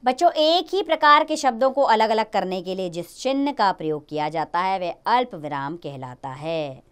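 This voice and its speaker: Young woman teacher doing a grammar lesson for kids, really sing-song lively voice, slows down on the examples. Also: mid-range voice, clear, resonant tone.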